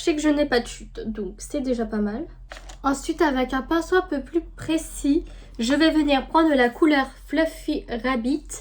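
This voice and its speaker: With a high voice, a woman narrates a makeup tutorial as a beauty vlogger, chatting loosely and filling gaps with fillers. Her talk softens into a murmur whenever she's busy working.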